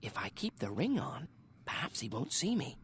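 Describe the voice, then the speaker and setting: A man's voice: mid-range voice, wildly swooping pitch, moderate pace, a little hiss or hum. A man playing a small, polite, plucky hobbit burglar in a video game, with an eager, theatrical delivery. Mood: musing. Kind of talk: video game hero acting. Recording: music over the voice.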